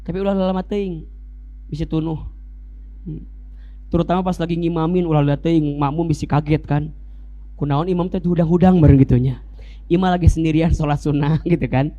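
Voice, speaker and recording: Male preacher, animated sermon, rhetorical questions, mellow voice. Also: on the high side, fairly quick, pauses often, highs cut off. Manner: lively, rhetorical questions to the audience, joking asides. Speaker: Islamic preacher.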